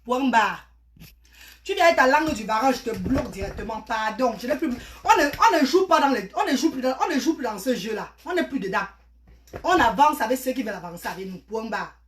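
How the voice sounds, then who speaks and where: Woman, high voice, loud sales patter, phone live stream, faint background noise. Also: expressive, brisk. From Cameroon. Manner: loud, sing-song sales calls, chatty asides to commenters. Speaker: online seller on a live stream.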